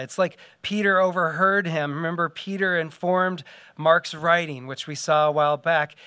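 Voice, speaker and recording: An earnest man preaching with a slightly higher-than-usual voice, teaching at an unhurried pace. His delivery pauses for reflection and falls quiet on tender moments. The sound is dry and close, with no room around it. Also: no echo. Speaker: pastor. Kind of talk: sermon.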